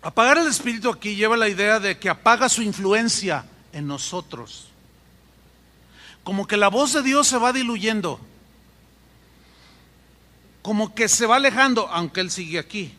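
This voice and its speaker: Mexican pastor preaching, high bright voice, emphatic repeats, long echo from the hall. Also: male voice. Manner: emphatic, pausing and repeating for effect. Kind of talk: sermon.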